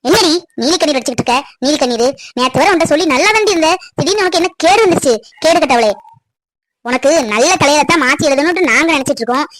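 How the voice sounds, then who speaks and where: A woman's voice: sits high, expressive, dry recording. A woman voicing a scolding mother. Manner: sharp, scolding, fast outbursts. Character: scolding middle-aged village mother. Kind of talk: cartoon family drama voicing.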